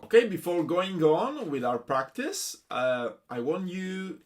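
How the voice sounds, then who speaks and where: A man's voice: high voice, very animated, measured pace, recorded from a distance. A man teaching English grammar to a class, encouraging students by name and checking in with frequent "okay"s. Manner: encouraging, asks students by name, many okays.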